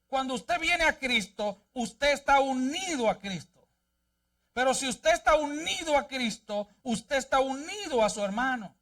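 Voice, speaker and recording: A man's voice: extremely high pitch, pushed and bright, distant mic. A male pastor preaching a sermon and reading scripture aloud in a church, with an emphatic delivery. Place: church sanctuary.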